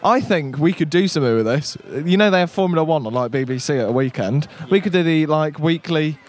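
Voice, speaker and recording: A man's voice: on the high side, lively intonation, fairly quick. A man presenting a live local radio broadcast from an outdoor village fair, chatty and upbeat.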